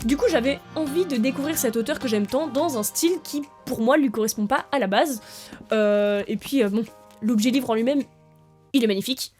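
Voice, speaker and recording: A young woman in a casual, chatty book vlog, talking excitedly to her viewers with plenty of fillers and restarts. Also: on the high side, brisk, faint music behind. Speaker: book vlogger. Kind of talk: casual chat to camera.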